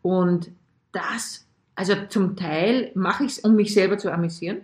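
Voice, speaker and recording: A woman's voice: fairly low pitch, darkish tone, reverberant. A woman with an Austrian accent, co-hosting a casual improv comedy podcast, chatty and playful. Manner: chatty, playful, quick to riff. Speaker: podcast co-host.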